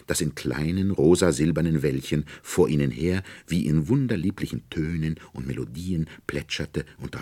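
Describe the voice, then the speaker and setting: A man narrating a fairy tale audiobook with expressive, lilting storytelling and dramatic slowdowns. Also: rumbling low.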